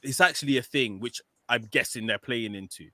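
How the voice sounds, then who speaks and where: British male co-host, bright and animated, dry close mic. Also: medium pitch, dry recording. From Nigerian heritage, raised in Britain. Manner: animated, fast restarts and repeats. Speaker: podcast co-host. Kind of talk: casual chat.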